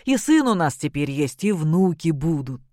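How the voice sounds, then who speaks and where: An audiobook reader voicing a blunt, hearty older village father, pitched below the narration. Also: big pitch swings, normal speed, mellow, no echo, studio quality, close to an everyday voice. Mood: hearty toast. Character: gruff good-natured older village father.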